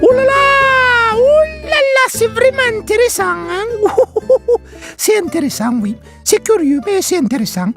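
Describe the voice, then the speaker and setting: A tiny teasing frog, very high squeaky voice, storybook cast, faint music underneath. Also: female voice, animated, measured pace, heavily acted. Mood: coaxing. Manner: teasing, ends lines with a questioning "hein". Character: small cheerful female frog, chatty and teasing. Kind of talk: storybook acting over music.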